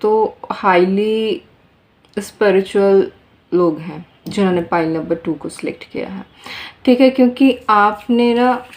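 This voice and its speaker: A woman's voice: medium pitch, a little slow, a little mellow. Earnest woman reading tarot to camera. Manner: earnest, repeats phrases, addresses viewers directly. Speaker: tarot reader. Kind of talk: casual spoken tarot reading.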